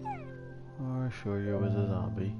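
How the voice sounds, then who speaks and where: A man's voice: fairly low pitch, wildly swooping pitch, a little slow, highs cut off. A man hosting a casual game session with his child, talking in a dry, teasing way. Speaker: let's-play host playing with his child. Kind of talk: casual gaming commentary. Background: loud game music.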